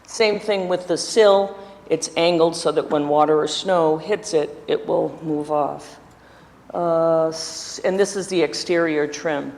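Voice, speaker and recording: With a gravelly, darkish mid-range voice, steady in tone and a little slow, a window restoration instructor demonstrates the craft step by step using tools. He chats with a live audience in an indoor workshop room and makes self-deprecating asides. The sound is that of a big room.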